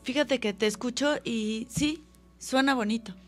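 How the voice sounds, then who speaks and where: A woman's voice: on the high side, measured pace, soft background music. A woman hosting an interview, asking probing and personal follow-up questions. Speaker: interview host.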